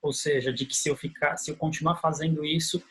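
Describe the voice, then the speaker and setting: Man, instructor explaining slides, slightly higher voice, repeats key words, lecture video. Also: steady tone, fairly bright tone. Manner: acts out parents' phrases slowly.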